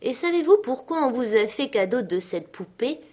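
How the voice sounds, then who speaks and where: A woman's voice: on the high side, big pitch swings, moderate pace, mellow, voice pushed up. A woman reading the part of a plump, middle-aged male dignitary in an audiobook, honeyed and cajoling with a child, then harsh and scolding. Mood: wheedling.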